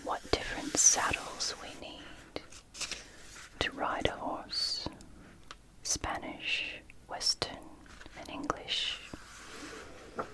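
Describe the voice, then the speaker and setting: ASMR host for book read-through: library whisper, fully unvoiced, unhurried, gentle, short phrases with pauses. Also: rough recording. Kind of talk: whispered ASMR, reading and commenting on a picture book.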